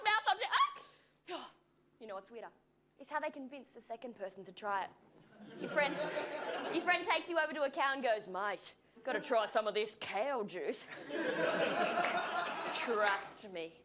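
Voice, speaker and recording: A woman delivering a wry, animated comic monologue to a studio audience. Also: high-pitched, moderate pace, pauses often, crowd noise, noisy background. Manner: animated, wry, breaks into laughs. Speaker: comedy segment presenter. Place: television studio with live audience. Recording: live studio with audible audience.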